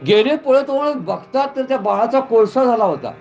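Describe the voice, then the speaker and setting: A man preaching a devotional story sermon in a temple, animated and full of rhetorical questions. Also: very high voice, moderate pace, gravelly, highs cut off, soft background music. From Kolhapur, Maharashtra. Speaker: Bhagavat katha preacher. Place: temple gathering.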